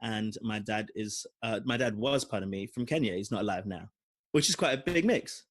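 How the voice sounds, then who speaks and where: A man's voice: lowish voice, normal speed. A young man from London with a London accent, telling a long personal story on a podcast with lots of fillers. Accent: London English. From London, England. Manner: rambling, animated storytelling with frequent fillers. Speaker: podcast co-host. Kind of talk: casual storytelling chat.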